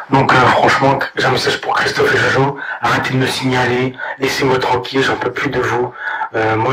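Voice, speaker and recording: A man with a hoarse, sick voice rants at other gamers, crude and halting, with many hesitations. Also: medium pitch, background noise. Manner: crude, halting, full of fillers. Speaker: gamer ranting to viewers. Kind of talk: angry video rant.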